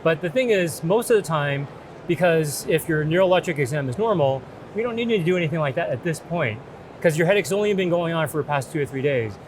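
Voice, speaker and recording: This middle-aged man's voice is a little high and a little fast, with lively intonation. Acting as a doctor at an open booth in a big indoor exhibition hall, he gives a mock patient a reassuring, explanatory consultation over noisy trade show background.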